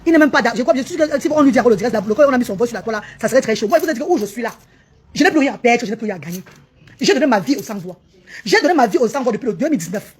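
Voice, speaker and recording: A woman's voice: a little high, animated, husky. A woman, vlogging on social media in a defiant, indignant way. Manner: rapid-fire, defiant, indignant.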